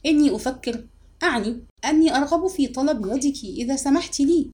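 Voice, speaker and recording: A woman's voice: on the high side, big pitch swings, fairly quick, dark tone. A woman reading the lines of a shy, nervous young man who stammers as he pleads in an audiobook story. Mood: nervous pleading.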